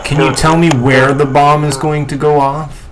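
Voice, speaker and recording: A man hosting a paranormal session, putting short, halting questions aloud to unseen spirits. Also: fairly high pitch, little pitch movement, music in the background, low-quality recording.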